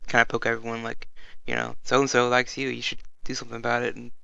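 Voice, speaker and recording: A man's voice: medium pitch, completely flat delivery, fast talker, gravelly, bright, forceful tone, clear, resonant tone, no room sound, dull audio. A man co-hosting an anime review in casual chat, reacting to the plot and laughing often. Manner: chatty, laughs often, quotes characters.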